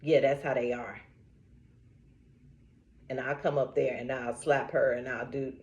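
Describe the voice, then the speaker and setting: A woman vlogger chats casually to her camera in a deep bass voice, speaking a little slowly. She tells animated stories with frequent laughter and repeats affirmations like a preacher. The sound is lo-fi, with background noise.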